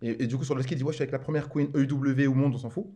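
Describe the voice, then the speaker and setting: A man's voice: medium pitch, steady tone, dark tone. A man, a podcast guest, telling stories in a casual chat, slangy and full of filler words. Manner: slangy, rapid, full of fillers like genre and en mode.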